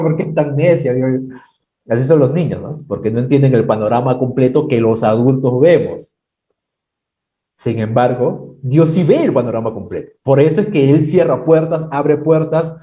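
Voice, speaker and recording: Male preacher, 30s, warm dark voice, heard from a distance, plays out the dialogue himself. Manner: acts out dialogue with God in high mocking voices. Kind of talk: sermon at a prayer night.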